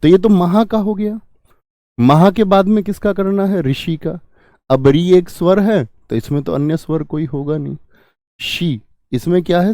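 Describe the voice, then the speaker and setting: Man teaching online, fairly high and mellow, repeats his own questions before answering. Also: no room sound, studio quality. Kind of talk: online grammar lesson.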